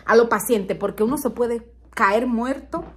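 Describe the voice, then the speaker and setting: Vlogger, young woman, high voice, dramatic storyteller. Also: unhurried, slight background noise. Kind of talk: casual storytelling to viewers.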